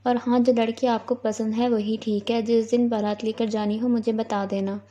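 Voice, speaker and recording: A woman's voice: fairly high pitch, level tone, warm tone, close to an everyday voice. A woman reading the lines of a playful young man who teases his mother and sister, on a dull lo-fi recording. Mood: teasing. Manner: playful, teasing. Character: teasing young man, fond elder brother.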